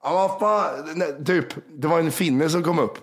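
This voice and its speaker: A man co-hosting a chat podcast, hoarse from a cold, telling rambling stories and swearing casually. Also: fairly high pitch. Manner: rambling storyteller, swears freely. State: hoarse from illness. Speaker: podcast co-host.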